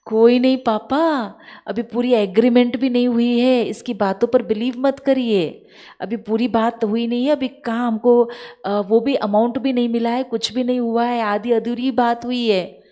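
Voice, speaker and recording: A woman's voice: on the high side, normal speed, natural voice. A woman voicing an eager second son who insists to his father that the house deal is not finished. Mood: insistent. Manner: excited, insistent.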